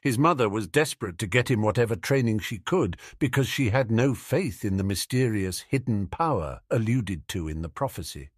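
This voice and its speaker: A man narrating a fan-fiction audiobook with expressive storytelling. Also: on the low side, moderate pace, hardly any pauses, no echo, clean studio sound.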